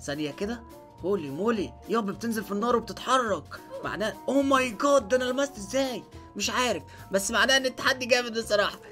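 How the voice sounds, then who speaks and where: A young man with an Egyptian Arabic accent hosting an excited let's-play commentary, dropping English exclamations as he plays. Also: very high voice, rapid-fire. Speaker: gaming channel host. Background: faint background music.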